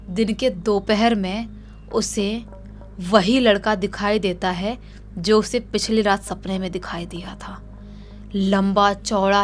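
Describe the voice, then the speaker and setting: A woman telling a horror story casually, dramatic, dropping to hushed tones and rising again. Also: on the high side. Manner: dramatic, shifting between loud and hushed.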